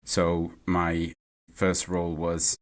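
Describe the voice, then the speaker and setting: A man from Mexico, a guest in a podcast interview, talking in a halting way and repeating words as he thinks. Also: deep voice, completely flat delivery. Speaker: podcast guest, renewable energy CEO. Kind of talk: casual interview conversation. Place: home or office in London.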